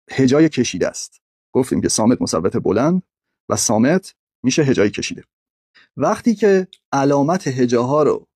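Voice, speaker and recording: A man's voice: medium pitch, dark tone, breathy edge, no echo. A man teaching a literature lesson over slides, methodically breaking words into syllables.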